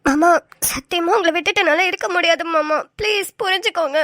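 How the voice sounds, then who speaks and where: Woman voicing a very high, worried young wife. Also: a little fast, bright, forceful tone, no echo, clean studio sound. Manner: pleading, fretful.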